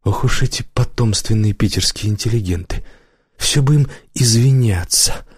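A male audiobook reader voicing a weary, misanthropic squad leader who speaks quietly with dry sarcasm. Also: on the low side, normal speed, husky. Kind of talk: audiobook character voice.

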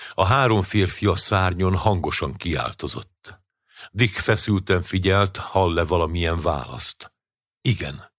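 A male audiobook narrator with a very deep, husky voice. He tells the story in a measured, even way. The recording is close and dry, with no room sound. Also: no room sound.

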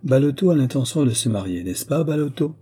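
A man reading the lines of a calm, kindly and authoritative old prince in an audiobook, speaking evenly and quietly commanding. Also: medium pitch, a little fast, husky, pitched above the performer's own voice. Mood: calm authority. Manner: even, quietly commanding delivery.

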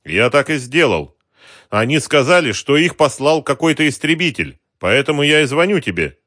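A man voicing a stubborn, hot-tempered shopkeeper who shouts back at gangsters. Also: medium pitch, sing-song, normal speed, dry recording, studio quality, voice pushed up. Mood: tense, defiant. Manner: defiant, shouting.

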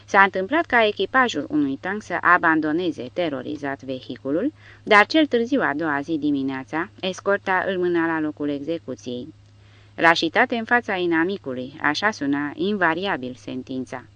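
A woman narrating an audiobook in a dramatic, expressive reading style. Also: sits low. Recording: dull dry recording.

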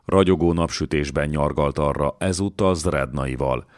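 Very deep-voiced male audiobook narrator. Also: no room sound, studio quality. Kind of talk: scripted narration.

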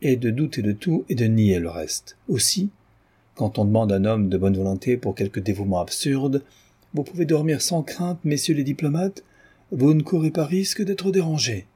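A man's voice: lowish voice, expressive, moderate pace, dark tone, slightly rough. Man voicing a commanding old countess. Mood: indignant. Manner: indignant, commanding society talk. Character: haughty elderly countess, imperious and fiery.

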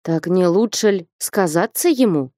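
Woman narrator voicing a fearful, plaintive man begging for mercy; warm tone, dry close mic. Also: fairly low pitch, animated, moderate pace, no room sound, natural voice. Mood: pleading. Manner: pleading, plaintive. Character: timid pleading man, nervous and fearful. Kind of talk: audiobook character reading.

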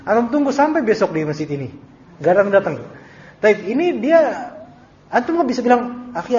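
A fairly high-pitched male teacher lectures in a relaxed, conversational way, dropping Arabic terms into his Indonesian and voicing short back-and-forth exchanges. The audio is dull and lo-fi. A faint hiss of room noise runs underneath. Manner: conversational, acts out short dialogues with shifting pitch. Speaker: Islamic teacher. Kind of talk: recorded study-circle lecture.

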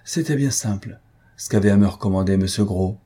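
A man's voice: lowish voice, a little fast, dark tone, husky. A man voicing an anxious young woman, a devoted daughter, in a pleading, rising tone. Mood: forced cheer.

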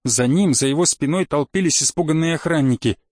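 A man narrating an audiobook with a measured, ironic storytelling manner. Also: a little high, a little mellow, no echo, studio quality.

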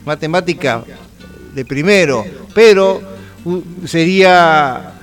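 A middle-aged Uruguayan man chatting on air as a radio host. His voice sits a bit high for a man, and he wanders from one anecdote to the next in an easy, conversational flow. Soft music plays faintly under his talk. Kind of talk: casual radio chat.

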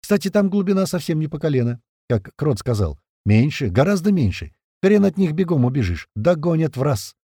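A man's voice: on the high side, very animated, a little fast, few pauses, warm tone, slightly rough, no echo. A man narrating a first-person audiobook in a conversational tone with casual swearing, close to the mic.

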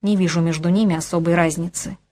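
A woman voicing a brisk middle-aged man, a scheming financier who lectures crisply and commands. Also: lowish voice, steady tone, dark tone, lightly acted. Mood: lecturing. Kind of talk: audiobook character voice.

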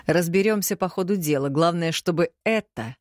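A domineering, harsh middle-aged father , as a woman reads him in an audiobook. He lays down orders slowly and firmly in a low voice. The sound is close and dry. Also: a little mellow, no room sound, natural voice. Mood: commanding. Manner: slow commanding pronouncements.

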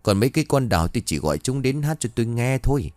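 A man voicing a lecherous, henpecked old village chief who flatters and wheedles his angry wife. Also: medium pitch, rapid-fire, no room sound, studio quality, pitched above the performer's own voice, natural voice. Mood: wheedling.

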